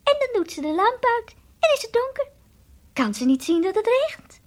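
A woman's voice: very animated, normal speed. Bims, a woman playing a tiny toy dog. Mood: earnest. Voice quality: high childlike voice, drops to whispers. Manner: earnest, confiding storytelling. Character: small timid toy dog, childlike. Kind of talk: 1960s radio drama acting.

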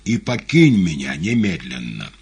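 Man reading as a commanding devil, very deep, raspy, curt, ironic, audiobook. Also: sing-song, measured pace, exaggerated voice. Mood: stern, ironic. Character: Woland, imperious male devil, cold and commanding.

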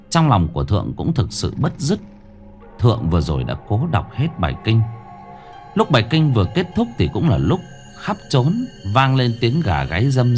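A man's voice: mid-range voice, darkish tone. A man narrating a ghost story in a dramatic, suspenseful storytelling manner. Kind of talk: scripted horror narration.

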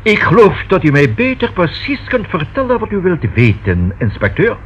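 In a Dutch radio play, a man plays a discreet, proper notary, speaking formally, measuredly and with precisely chosen words in a guarded, polite mood. His voice sits high with wildly swooping pitch, on a dull, faintly noisy old radio recording.

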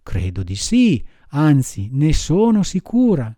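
A man voicing a patient, motherly fairy woman, speaking softly and firmly in an audiobook reading. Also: huge pitch swings, no echo, clean studio sound, exaggerated voice. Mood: gentle. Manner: soft lowered voice, measured admonishing tone. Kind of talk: audiobook character voice.

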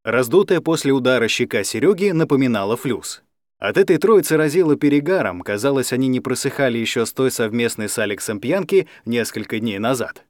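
A man narrating an audiobook in a lively, dramatic storytelling manner. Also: mid-range voice, brisk, no echo, studio quality.

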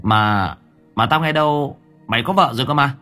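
A man's voice: mid-range voice, moderate pace, sharp tone, faint music behind, voice pushed up, close to an everyday voice. A man voicing a brash, jovial gang member who teases his friend. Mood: teasing. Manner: teasing, familiar.

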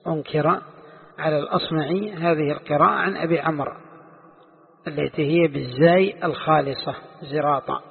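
A man teaching a classical religious text. He explains slowly, repeats his phrases, and asks the listeners questions. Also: a little high, fairly even intonation, creaky, slightly rough. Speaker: Islamic scholar teaching tafsir. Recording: tinny phone-like sound with long hall reverb.

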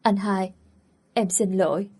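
A woman voicing a proud, heartbroken eighteen-year-old girl in a storybook reading, speaking in a quiet, pleading way with a husky voice. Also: mid-range voice, slow, exaggerated voice.

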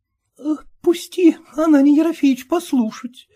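A man's voice: very high-pitched, normal speed, warm tone, voice pushed up. A man voicing a timid, fussy middle-aged merchant's wife who keeps interrupting. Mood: pleading.

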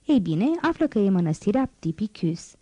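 A woman's voice: medium pitch, sing-song, mellow, breathy edge, no echo. A woman reading aloud and voicing a cheerful, devoted old male gardener in a raised, chatty voice.

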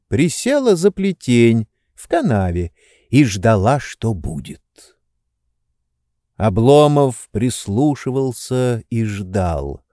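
A man reading a classic novel aloud as an audiobook, slow and theatrical, voicing the dialogue. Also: medium pitch, a little mellow, dry recording, studio quality. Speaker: audiobook narrator. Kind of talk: scripted narration of a classic novel.

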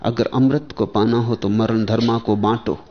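A man, a spiritual teacher, giving a discourse in measured short phrases with pauses and rhetorical questions. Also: lowish voice, steady tone, slight background noise. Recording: dull lo-fi archival lecture tape.

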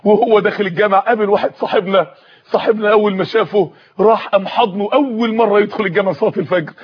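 A man preaching in an Egyptian Arabic accent, his voice set very high and racing along at great speed. He tells his sermon as a story, pleading and impassioned, his voice breaking now and then. The recording sounds muffled and lo-fi. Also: very fast, husky.

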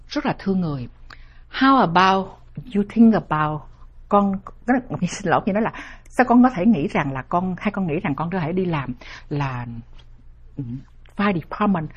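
A middle-aged woman talks straight to her viewers, earnest and lecturing. Her voice is husky and swings widely in pitch. The recording sounds dull and lo-fi. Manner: earnest, lecturing, acts out family dialogue. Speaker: host sharing life advice. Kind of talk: direct-address talk to viewers. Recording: dull lo-fi audio.

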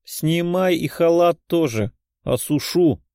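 A man's voice: fairly high pitch, slow, dark tone, dry recording, studio quality, voice pushed up. A man voicing a playful young female nurse who teases her friend. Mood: teasing.

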